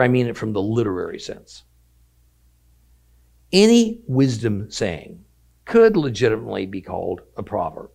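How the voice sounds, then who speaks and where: A man teaching a weekly Bible lesson, reading scripture aloud and slowing down to stress key phrases. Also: medium pitch, gravelly, darkish tone, slightly rough.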